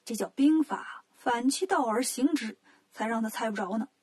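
A playful, cocky monkey king, as a woman reader puts him on for a children's storybook. His voice sits high and breathy, and he talks with easy, teasing confidence. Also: normal speed, darkish tone. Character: cheeky male monkey king, quick and playful.

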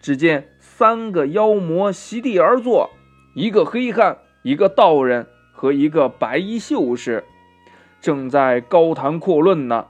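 Slow, high-voiced storyteller man. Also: expressive, soft background music. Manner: gentle, drawn-out sentence endings with "呀" and "呢". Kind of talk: children's story narration.

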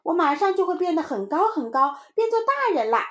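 A woman voicing a cheeky little boy in a storybook, with a high chirpy child voice and a boastful manner. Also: big pitch swings, brisk. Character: cheeky little boy proud of his drawing.

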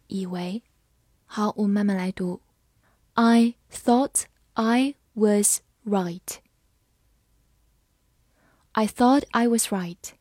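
Woman, calm vocabulary teacher, slow, deliberate delivery, dry close-mic sound. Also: medium pitch, dry recording. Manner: clear, measured, slows down for model sentences. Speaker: English teacher. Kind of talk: scripted vocabulary lesson.

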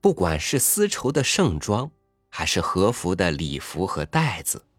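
A man reading a story aloud in a soft, intimate, expressive way, sometimes dropping to a hush. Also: low voice, a little slow, no echo, studio quality, faint music behind.

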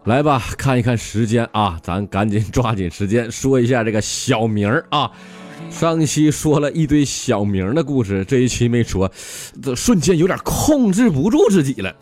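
A man's voice: medium pitch, animated, normal speed, darkish tone, soft background music. A man with a Northeastern Mandarin accent telling comic stories as host of his own show, laughing at his own jokes. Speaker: comedy storyteller.

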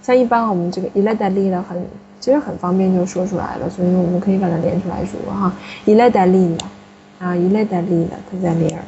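Woman, classroom teacher, patient explainer, mellow tone, lo-fi sound. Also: mid-range voice, fairly even intonation, rapid-fire, few pauses, a little hiss or hum. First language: Chinese. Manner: patient, explanatory, frequent tag questions. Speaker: French teacher. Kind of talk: classroom lesson.

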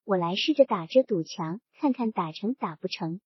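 A woman's voice: medium pitch, expressive, normal speed, slightly rough, dry recording, pitched below the performer's own voice. A woman voicing a domineering, toothless old grandmother who talks in a coarse, blunt, scolding way. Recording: dull lo-fi recording.

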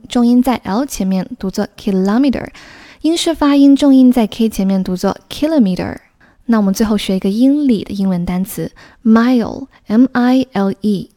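A woman's voice: on the high side, dark tone. A young woman teaching English vocabulary, patiently explaining and spelling out words letter by letter.

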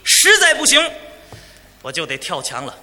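A man performing a crosstalk comedy routine as lead, telling an animated story and acting out other people's voices. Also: fairly high pitch, moderate pace, long reverb tail. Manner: animated storytelling, acts out police and crowd voices.

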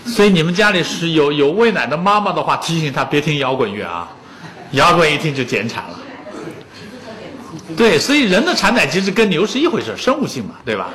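A man's voice: on the high side, sing-song, brisk, a bit bright. A man in his fifties giving a public lecture on music, telling anecdotes and joking with the audience.

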